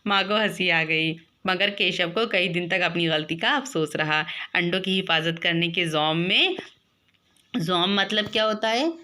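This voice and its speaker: A woman teacher reads a school story aloud and pauses often to explain the words to her students. Her voice is bright and clear, and she keeps checking in with them as she goes. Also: fairly low pitch, lively intonation. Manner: breaks off the reading to explain words, asks "hai na?".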